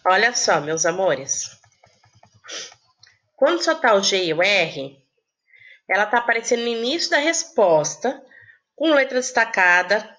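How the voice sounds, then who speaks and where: A woman teaching young children, speaking fondly and patiently as she walks through each point. Her voice sits a little high. She keeps asking questions and then answering them. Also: fairly bright tone. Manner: affectionate, explains slowly with rhetorical questions. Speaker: primary school teacher. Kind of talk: recorded lesson for young children.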